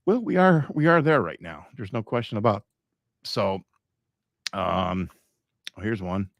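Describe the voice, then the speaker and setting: A man's voice: lowish voice, lively intonation, takes it slowly, fairly bright tone, no room sound, clean studio sound. A middle-aged man hosting a live podcast, talking in a rambling, emphatic way with frequent chuckles. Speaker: podcast host.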